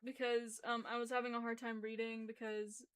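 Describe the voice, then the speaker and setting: Reading a story and chatting casually as host of her own livestream, a young adult woman speaks at a normal speed in a fairly high, clear, resonant voice with flat delivery. Her jaw stays locked, leaving her words slightly muffled, and she comes across as hesitant and apologetic.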